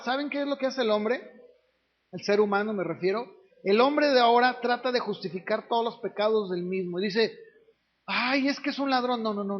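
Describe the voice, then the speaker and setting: A man, a pastor preaching a sermon in a conversational way, often asking the congregation questions. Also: high-pitched. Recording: dull lo-fi recording.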